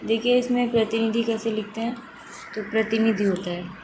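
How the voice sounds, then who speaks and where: A woman's voice: fairly high pitch, fairly quick. Brief: female teacher, patient walkthrough of exam answers, restates correct forms, noisy home-style recording. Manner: steady explanatory, repeats correct forms for emphasis. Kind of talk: exam question walkthrough lesson.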